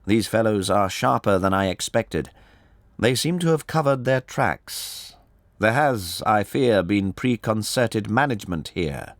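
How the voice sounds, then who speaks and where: Sherlock Holmes, measured gentleman detective, voiced by a man. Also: on the low side, animated, no room sound. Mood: grim. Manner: measured, courteous, strategic. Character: shrewd, bland, smooth-talking gentleman detective. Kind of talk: audiobook character voice.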